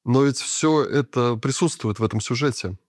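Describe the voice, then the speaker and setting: A man lecturing in a thoughtful, explanatory way, often pausing on fillers as he works through an idea. His voice sits at an ordinary middle pitch. The recording is dry and close, with no room sound. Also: darkish tone, no room sound. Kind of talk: unscripted lecture.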